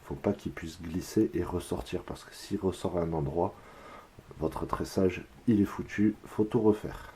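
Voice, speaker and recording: Low, dark-voiced French man teaching crafts. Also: unhurried, a little hiss or hum. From France. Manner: calm, counts braiding steps aloud. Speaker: whip-making instructor. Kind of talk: step-by-step craft tutorial.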